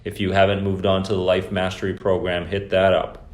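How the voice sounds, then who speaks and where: A man's voice: low-pitched, completely flat delivery, a little fast. A man hosting a live stream about anxiety recovery, talking loosely to viewers and greeting them by name. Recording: echoey room.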